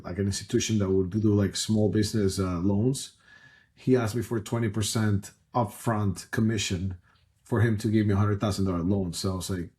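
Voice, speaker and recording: A man, speaking as a guest in a fairly low, mellow voice. He talks earnestly and loosely, circling back and restarting his sentences as he tells his story. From Ecuador. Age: 30s. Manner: earnest, rambling, many restarts and "like" fillers. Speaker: guest entrepreneur. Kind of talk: casual conversational storytelling.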